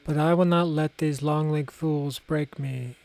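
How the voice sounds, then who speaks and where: A man's voice: a little high, steady tone, measured pace, gravelly, darkish tone. Man voicing a scared but proud young warrior girl. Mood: earnest. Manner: earnest, restrained.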